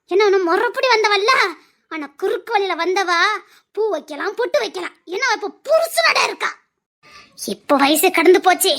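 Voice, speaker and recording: A woman playing a very high-voiced bitter abandoned wife. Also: fairly bright tone, full character voice. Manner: emphatic, lecturing, repeats her warnings. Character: bitter abandoned middle-aged wife, forceful adviser. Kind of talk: Tamil serial drama acting.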